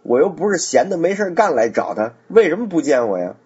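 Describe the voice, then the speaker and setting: A man voicing a blunt, hot-tempered frontier general who talks forcefully and indignantly, in a storytelling recording. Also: mid-range voice, expressive, moderate pace, husky. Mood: angry. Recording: dull lo-fi recording.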